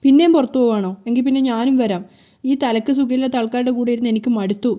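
A woman's voice: on the high side, quick pace, mellow, lightly acted. A woman voicing a spoiled, cruel young pregnant woman who sneers dismissively. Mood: contemptuous.

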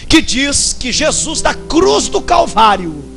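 High-voiced preacher telling a story over guitar. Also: male voice, takes it slowly, creaky. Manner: animated, theatrical storytelling, shouting for response. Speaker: pastor. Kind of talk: sermon with storytelling. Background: guitar music.

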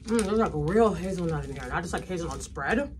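A woman's voice: on the low side, animated, fairly quick, a little mellow, a little hiss or hum. Chatty woman tasting snacks on camera. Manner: chatty, eating while talking, mouth full. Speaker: food vlogger. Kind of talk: casual food tasting chat.

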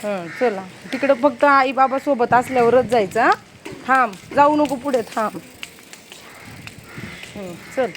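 Young woman, family vlogger, outdoors, slightly high pitch, firm and repetitive coaching, light ambient noise. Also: a little slow, pauses often. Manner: firm, repetitive instructions to a child. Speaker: vlogger and mother. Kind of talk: casual family vlog, teaching a child to cycle. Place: outdoors in a housing complex near underground parking.

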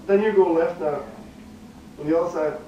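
A slightly high-voiced man teasing his friend as they play a video game together, laughing at his own crude jokes. He sounds set back from the mic in a very echoey room with a faint hiss. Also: steady tone, normal speed, warm tone, distant mic, lo-fi sound. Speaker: gaming video co-host. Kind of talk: casual banter while playing a video game.

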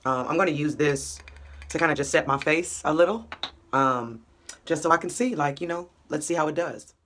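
Speaking at a normal pace with a fairly bright tone, this young woman's low-sitting voice carries over a little hiss or hum. She's an upbeat, slangy beauty vlogger filming on a close-held phone, chatting casually from a small room at home before heading to a city street and a gym.

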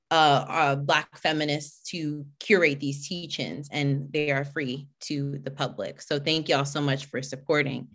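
A woman hosting an online teach-in on a video call, chatty and welcoming as she greets people by name before moving into a more formal introduction. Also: low-pitched. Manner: warm, chatty greetings, reading names from the chat. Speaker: host and executive director.

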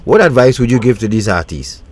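A man co-hosting a radio show from a studio on a boom mic, asking encouraging but halting questions. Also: big pitch swings, noisy background. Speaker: radio co-host.

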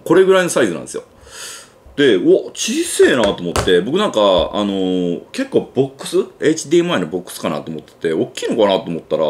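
A man with a Kansai accent hosting a casual gadget unboxing review, chatty and thinking aloud with lots of fillers. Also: lowish voice. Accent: Kansai Japanese. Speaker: gadget reviewer and channel host.

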